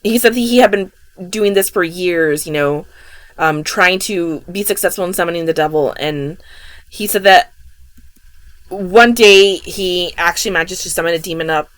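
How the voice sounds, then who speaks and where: A woman's voice: fairly low pitch, moderate pace, dry recording. A woman podcast host retelling a strange case in a loose, casual way, full of "you know" and "um". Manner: rambling, filled with "you know" and "um". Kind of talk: casual true-story retelling.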